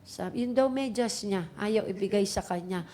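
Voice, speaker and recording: A woman's voice: mid-range voice, normal speed. A middle-aged Filipino woman pastor preaching a sermon, switching between Tagalog and English and acting out the voices in her stories. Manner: animated storytelling, mixes Tagalog and English, acts out voices in quotes.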